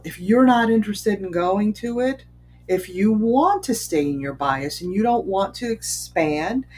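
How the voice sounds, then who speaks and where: A commentator talks through the topic off the cuff at a middling pitch, posing one rhetorical question after another. Phrases often restart, with plenty of ums along the way. A faint hum sits under the voice. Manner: conversational, asks many rhetorical questions. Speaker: commentator on bias. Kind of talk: unscripted spoken commentary. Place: Chicago area.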